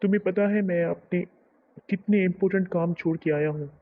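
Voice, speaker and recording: An impatient, protective young husband from a romance novel , read out by a man in his own fairly high voice. He talks briskly and plainly. The audio is dull and lo-fi. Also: steady tone. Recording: muffled lo-fi recording.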